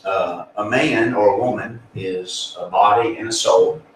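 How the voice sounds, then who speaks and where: A man's voice: fairly low pitch, a little slow, slight background noise. A man, a pastor, explaining faith in an earnest, folksy, conversational way, full of fillers and restarts. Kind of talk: conversational spiritual teaching. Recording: echoey room, distant mic, faint ambience.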